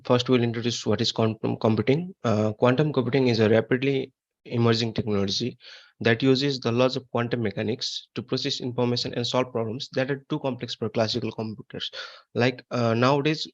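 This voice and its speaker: A man delivers a conference paper over a video call. His mid-pitched voice moves haltingly, with frequent fillers and self-corrections. The audio comes through as a dull, lo-fi online call. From Nepal. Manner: halting, many "uh" fillers and restarts. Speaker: conference presenter. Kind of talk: academic paper presentation. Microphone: computer mic on a video call.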